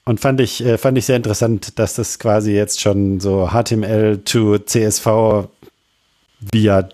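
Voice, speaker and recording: A man on a tech podcast explaining something in a halting way, with many fillers. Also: lowish voice, steady tone, dark tone. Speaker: podcast co-host. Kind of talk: casual tech podcast chat.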